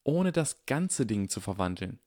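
A man voicing a clever, excitable young schoolboy wizard in an audiobook, eager and lecturing. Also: lowish voice, a little slow, no echo, studio quality. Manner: eager, lecturing, barely restrained. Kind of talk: audiobook character voice.

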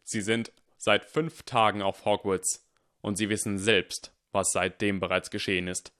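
A man doing a stern, dry male teacher. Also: lowish voice. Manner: calm, deliberate and firm.

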